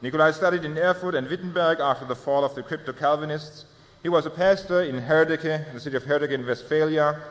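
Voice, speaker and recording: Man reading a paper in an echoing hall. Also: fairly high pitch. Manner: measured, formal delivery with small self-corrections. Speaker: theologian presenting a paper. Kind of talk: reading a prepared academic paper. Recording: long hall reverb.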